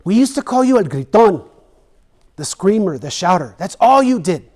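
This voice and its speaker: A woman's voice: medium pitch, sing-song, moderate pace, darkish tone. A man voicing a young woman, a former student, who teases bluntly.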